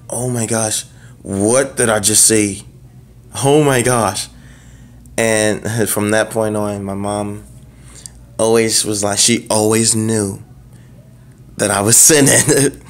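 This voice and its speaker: A young man giving a personal faith testimony in a conversational way, talking straight to his listeners and often laughing. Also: lowish voice. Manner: conversational, addresses the audience directly, laughs often. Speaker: testimony speaker.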